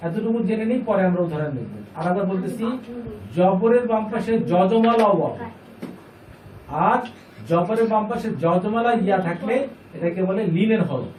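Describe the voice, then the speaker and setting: High-voiced man teaching in an echoey room. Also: moderate pace, darkish tone. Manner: patient, repeats points and asks the class questions. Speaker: Quran reading teacher. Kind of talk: classroom lesson. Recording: echoey room, distant mic, faint noise.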